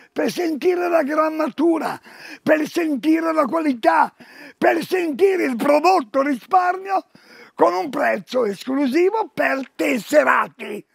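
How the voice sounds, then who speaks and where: An older man pitches goods on a TV shopping broadcast, calling out to viewers with loud exclamations. His voice sits very high yet is heavily gravelly, and he takes his time over each phrase. The sound is dry and close. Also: no room sound. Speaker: TV shopping presenter. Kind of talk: live store sales pitch. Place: shop floor.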